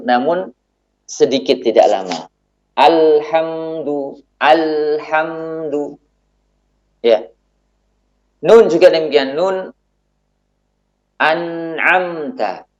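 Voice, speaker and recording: A man's voice: mid-range voice, a little mellow, highs cut off. A man teaching Quran recitation rules, patiently explaining and stretching out example words to demonstrate them, often affirming with a short "ya". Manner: frequent affirming "ya" between points. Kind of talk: tajwid lesson.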